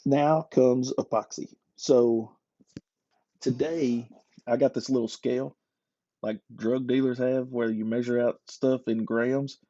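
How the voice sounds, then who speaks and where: A man with a mellow, darkish voice chats through a hobby craft tutorial, joking at his own expense. The sound is dry and close with no room around it, and a little dull and lo-fi. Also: mid-range voice, level tone, slow, no echo. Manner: self-deprecating, joking, chatty. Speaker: hobby lure carver. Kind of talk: casual voice-over tutorial.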